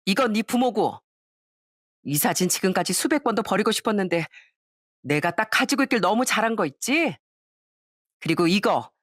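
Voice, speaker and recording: A woman's voice: medium pitch, a bit bright, no room sound, studio quality, pitched above the performer's own voice. A woman voicing a scornful former classmate who taunts and mocks an old bully. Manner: sneering and taunting.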